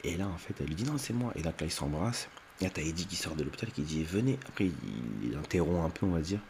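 Guy with a super low voice going over a movie plot, lots of euhs and restarts, bit of faint hiss behind him. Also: racing, a little mellow. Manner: rambling, many fillers and restarts; briefly acts out lines in raised voices. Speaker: video host recapping a TV film. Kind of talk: unedited casual retelling.

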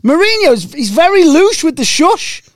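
A high-voiced young man jokes and rants in loose podcast banter, his pitch swinging all over the place. He swears freely and keeps the energy up. The sound is close and dry. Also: moderate pace, no echo. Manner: joking, animated, swears freely. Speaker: podcast co-host. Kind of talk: casual banter.

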